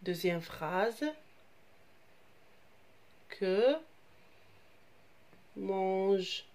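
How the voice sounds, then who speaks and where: With drawn-out words and a slightly mellow, medium-pitched voice, a woman teaches French grammar to young children at primary school level. She repeats the key terms and re-explains them in Arabic.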